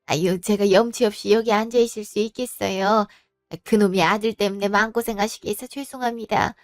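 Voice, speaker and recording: A woman voicing an older mother-in-law who apologizes humbly and gently for her son. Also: medium pitch, steady tone, brisk, no echo, studio quality, natural voice. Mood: apologetic. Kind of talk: storybook voice acting.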